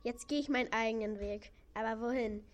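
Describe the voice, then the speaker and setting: A woman's voice: fairly high pitch, a little fast, a little hiss or hum, natural voice. A woman voicing an old, worn-out male donkey in a children's audio play, talking in an earnest, plain way. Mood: relieved.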